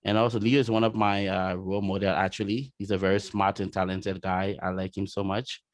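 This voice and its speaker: A man from Liberia with a Liberian accent, speaking as an interview guest in casual talk, often pausing with "you know". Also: low voice, level tone, no room sound, clean studio sound. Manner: warm-hearted, many fillers like "you know".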